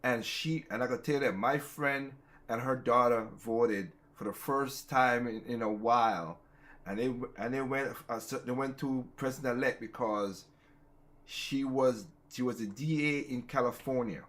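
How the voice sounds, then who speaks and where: Male host, mid-pitch, rambling casual political chat, heats up. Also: normal speed, a bit bright. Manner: rambling, restarts often, gets heated. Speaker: podcast host.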